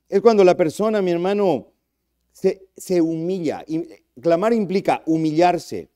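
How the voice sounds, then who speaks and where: A man preaching a passionate sermon as pastor, speaking straight to his listeners and swinging from loud cries to hushed lines. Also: high-pitched. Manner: addresses listeners directly as brother. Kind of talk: Spanish-language sermon.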